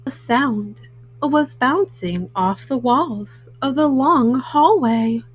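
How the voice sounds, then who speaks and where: A woman reads a children's picture book aloud as storyteller and host of a read-aloud show, going slowly and haltingly word by word with frequent hesitant fillers. Her voice is high-pitched, animated, and husky, with no echo.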